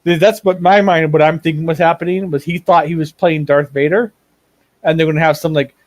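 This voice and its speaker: A man's voice: a little high, steady tone, brisk, no room sound. A man running a tabletop game as game master, rambling through tangents and repeating words as he builds his point.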